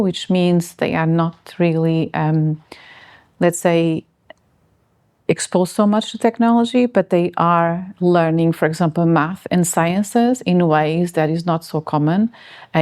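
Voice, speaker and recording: A woman's voice: fairly low pitch, darkish tone. A woman from Portugal in her forties, answering interview questions in a hesitant way, with many fillers and restarts.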